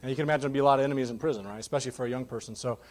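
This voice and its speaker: A man's voice: medium pitch, rapid-fire. A man in his thirties giving a candid, joking testimony sermon in a church. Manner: candid, jokey, animated storytelling. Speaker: guest preacher. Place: church sanctuary.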